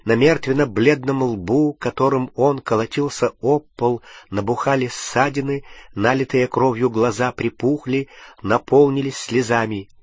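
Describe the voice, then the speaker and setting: A man reading an audiobook narration in an even, measured manner. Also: medium pitch, no room sound, clean studio sound.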